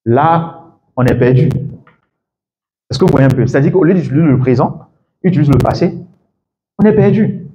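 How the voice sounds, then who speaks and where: A man teaching English to a class of students, lively and full of questions to the room, laughing often. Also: mid-range voice, a little fast, long pauses, lo-fi sound. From Ivory Coast. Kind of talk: classroom masterclass. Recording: echoey room with faint background noise.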